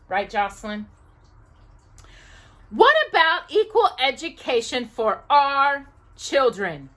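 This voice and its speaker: A very animated woman with a high voice hosts a storytime, reading a children's book aloud with asides to a listener. She's emphatic and dramatic, pausing for effect and stressing key words.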